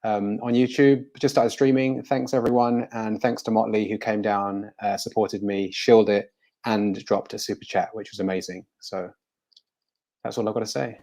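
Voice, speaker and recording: Relaxed man guesting on a stream. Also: on the low side, normal speed. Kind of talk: casual live-stream chat.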